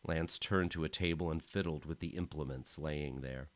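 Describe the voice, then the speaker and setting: A man narrating a novel as an audiobook in a measured, steady reading. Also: extremely low pitch.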